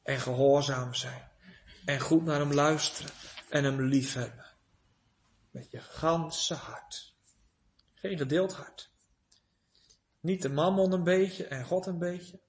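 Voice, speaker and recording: A man preaching a sermon, swinging from soft, low asides to loud, emphatic pleading. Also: fairly even intonation, takes it slowly, pauses often. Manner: rises to loud emphatic pleading, drops to soft near-whisper.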